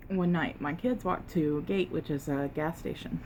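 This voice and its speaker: A woman tells a casual, unhurried story while eating, pausing to chew and sometimes talking with her mouth full, with emphatic retelling. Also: sits low, background noise. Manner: unhurried, conversational, emphatic retelling with quoted exchanges. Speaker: mukbang vlogger.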